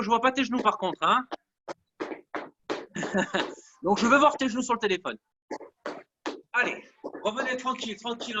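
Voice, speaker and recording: A man's voice: very high-pitched, muffled recording, background noise. A man coaching a live online workout class, counting down reps and cheering people on. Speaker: fitness coach.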